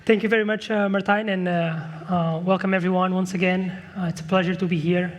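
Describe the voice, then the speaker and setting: Man from Portugal, high and monotone, presenting in an echoing hall. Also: fast. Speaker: account executive presenting. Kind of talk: conference presentation. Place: conference room on stage. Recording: long hall reverb.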